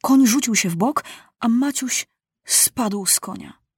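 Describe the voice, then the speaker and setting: A woman narrating a children's storybook with a lively, expressive reading. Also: fairly high pitch, slow, husky, no room sound, studio quality.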